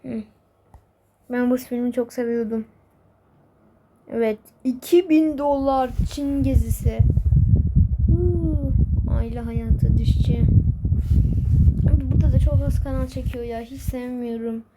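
A woman's voice: high voice, measured pace, pauses often. A woman narrating a game role-play, talking to herself in a frantic, panicky way. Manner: frantic, panicky self-talk. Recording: noisy background with clicks.

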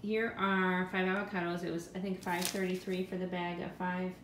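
In her home kitchen, a vlogger in her thirties with five kids goes over her grocery haul at normal speed, her voice on the low side as she chats and wonders aloud about prices. Steady background noise fills the echoey room.

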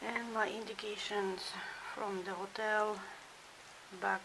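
Speaking slowly at a medium pitch, a woman vlogs casually from a dim hotel room, chatting and sometimes half-whispering as she shows off her things. It's a hissy home recording with a steady hiss in the background.

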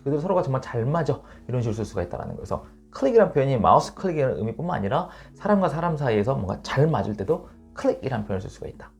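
A man teaching an online English lesson. He explains patiently and reads the English examples slowly and clearly. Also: mid-range voice, big pitch swings, a little mellow, soft background music.

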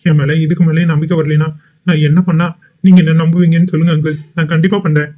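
An earnest young man begs for a bride's hand in a cartoon, voiced by a woman dropping her voice. He talks fast and sounds pleading. The sound is thin and phone-like. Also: sits low, flat delivery, pitched below the performer's own voice. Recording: phone-like lo-fi band.

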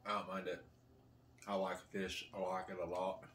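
A man in his thirties hosts a homemade food challenge video at a table in a small living room, chatting casually while he tastes. His low, slightly bright voice is delivered flatly at normal speed. The camera mic sits a couple of metres away, picking up faint room noise.

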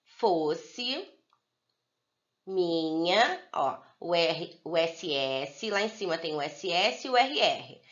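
A Brazilian woman teaching young pupils in a recorded video lesson, slowly spelling out words for the children. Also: fairly low pitch, very animated, a bit bright, highs cut off. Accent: Brazilian Portuguese. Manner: slow, drawn-out word-by-word dictation for young pupils. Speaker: primary school teacher.

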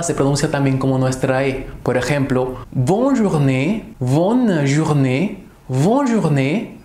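A man giving an online French lesson, repeating each French word slowly and clearly so the listener can copy the pronunciation. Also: on the high side, darkish tone. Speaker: French teacher. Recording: echoey room.

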